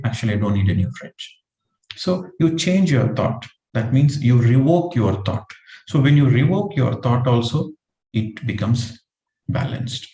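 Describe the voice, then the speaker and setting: A man's voice: medium pitch, warm tone, roomy sound, low-quality recording. A man giving a spiritual meditation teaching talk, patiently explaining with everyday examples.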